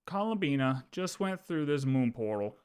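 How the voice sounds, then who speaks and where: Smooth and mid-range, this streamer's voice moves at a moderate pace as he livestreams. In a casual, animated style he walks viewers through lore, often repeating himself and making sure they're keeping up.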